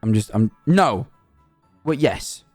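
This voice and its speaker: A young man streaming live, chatting in a rambling, animated, self-mocking way. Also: mid-range voice, slow pace, faint music behind. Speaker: livestreamer. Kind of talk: casual stream chat.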